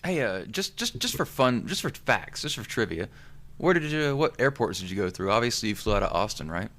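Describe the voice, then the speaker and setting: A man's voice: on the low side, sing-song, fairly quick, fairly bright tone. A young man hosting a podcast, rambling in casual chat in an easygoing way, asking questions. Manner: rambling, easygoing, many restarts. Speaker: podcast host.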